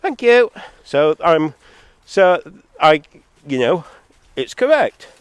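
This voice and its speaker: He speaks slowly and smoothly, his pitch swinging widely, as he argues and rambles through a vlog monologue with sardonic side remarks while full of a head cold. He's Zambia-born, living in England. The dry phone or camera recording was made too hot and clips with distortion.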